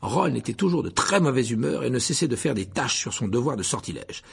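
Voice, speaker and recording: Husky, gravelly male storybook narrator. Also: mid-range voice, a little fast. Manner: expressive reading. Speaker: audiobook narrator.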